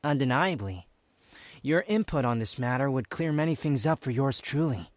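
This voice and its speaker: A man playing an aloof, proud, sardonic young wanderer in an intimate roleplay audio drama, speaking in haughty, formal, halting phrases. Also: mid-range voice, expressive, dry recording, natural voice. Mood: guarded, formal. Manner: haughty, formal wording, halting, sighs and scoffs.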